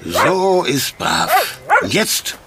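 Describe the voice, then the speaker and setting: An actor playing a strict, bossy man who guards his garden, with a gruff kindness underneath, in a children's audio drama. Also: on the high side, wildly swooping pitch, extremely slow, heavy background noise, heavily acted. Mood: scolding. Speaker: stern garden owner neighbor.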